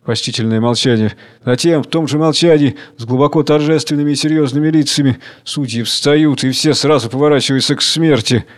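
A man reads a stage play aloud, giving the stage directions in a measured, descriptive manner. His voice sits a little high for a man. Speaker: reader.

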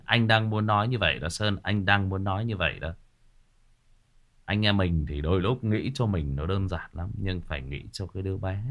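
A man talks casually to a listener in a livestream. His voice sits on the low side but swings widely in pitch. He is earnest and circles back to his points, often settling on a drawn-out "đó". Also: dull audio. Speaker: host giving advice to a listener. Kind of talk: casual livestream advice talk.

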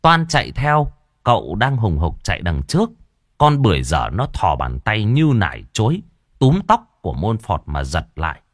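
Male storyteller, low and expressive, dry studio sound. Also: normal speed, no room sound. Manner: lively, vivid narration. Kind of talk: dramatic comic storytelling.

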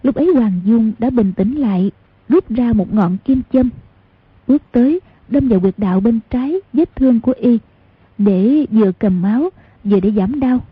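A woman narrates an audiobook in a steady, measured read, her husky voice sitting a little above average pitch. The recording is tinny and phone-like, and dry with no room sound. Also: no echo. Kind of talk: storytelling narration.

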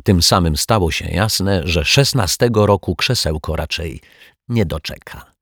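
Man narrating a children's story, very low voice, husky, animated pitch, dry close sound. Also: unhurried, no room sound. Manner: lively, expressive storytelling. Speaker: audiobook narrator.

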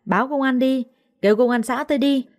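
A quarrelsome young maid, voiced by a woman narrator yells and accuses in a shrill, raised voice. The stays clear, and the tone underneath is warm and mellow. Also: a little fast, dry recording, clean studio sound, close to an everyday voice. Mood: shrill accusing. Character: young female house servant, shrill and accusing.

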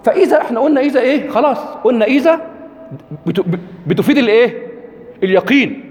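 A man's voice: very high voice, animated, fast, a little mellow. A man with an Egyptian accent giving a religious lecture, constantly asking the audience rhetorical questions. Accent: Egyptian Arabic. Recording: echoey hall with long reverb.

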